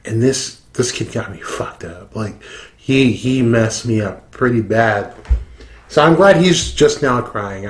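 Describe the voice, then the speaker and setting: A man who is drunk, giving casual reaction commentary full of swearing and slang. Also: lowish voice. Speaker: YouTube reaction host.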